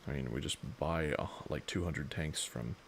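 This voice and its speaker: Deep, gravelly, exhausted man. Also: normal speed, a little hiss or hum. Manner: tired, rambling, thinking aloud. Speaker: streamer. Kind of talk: casual strategy game livestream commentary.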